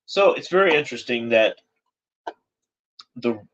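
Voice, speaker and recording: A man's voice: mid-range voice, animated, measured pace, a bit bright, lo-fi sound. A man talking as a political commentator in a casual monologue, rambling and repeating phrases with frequent "you know".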